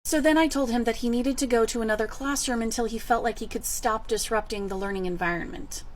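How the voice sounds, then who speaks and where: A woman voicing a fed-up female teacher in an animated storytime, speaking in a crisp, cutting, articulate way. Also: fairly high pitch, fast, a little hiss or hum, lightly acted. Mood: calm, explaining.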